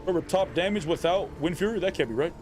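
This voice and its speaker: A man streaming a game raid, chatting excitedly and repeating his phrases in quick bursts. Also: high-pitched, over music. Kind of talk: casual live-stream chat.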